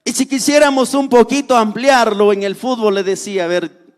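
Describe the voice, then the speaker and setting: A man preaching a sermon as pastor, earnest, repeating key phrases slowly for stress. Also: very high voice, steady tone, long reverb tail.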